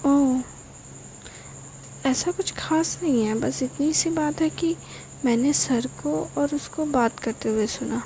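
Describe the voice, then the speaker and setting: Storybook sidekick, a nosy young man who wheedles and needles his friend, voiced by a woman with a high voice. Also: slow pace, mellow, slight background noise. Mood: needling.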